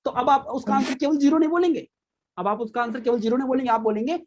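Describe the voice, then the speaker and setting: A man's voice: very high voice, very fast, darkish tone, lo-fi sound. Repetitive quizzing male physics teacher. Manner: repeats key points, quizzes students with questions. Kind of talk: live online class lecture.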